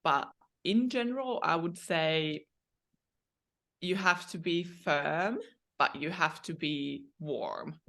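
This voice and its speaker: Brief: female dating coach guest, gravelly fry in the voice, measured and emphatic. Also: deep voice, fairly bright tone. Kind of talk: conversational interview advice.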